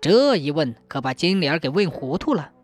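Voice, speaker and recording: A woman narrating a traditional folk tale in a measured, expressive storytelling manner. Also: low voice. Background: faint music.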